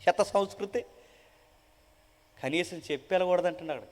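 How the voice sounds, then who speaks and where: A man preaching a dramatic gospel sermon with a Telugu-speaking South Indian accent, swinging between loud proclaiming and hushed, mournful tones and asking the crowd repeated rhetorical questions. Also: sits high, moderate pace. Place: large gospel meeting hall. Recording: long hall reverb.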